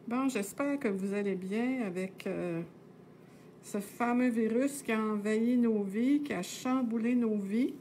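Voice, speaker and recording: A woman's voice: on the high side, a little slow, warm tone, a little hiss or hum. A middle-aged woman with a Québécois French accent, casually teaching knitting on a live stream. She talks in a chatty, meandering way, full of hesitations and tag words.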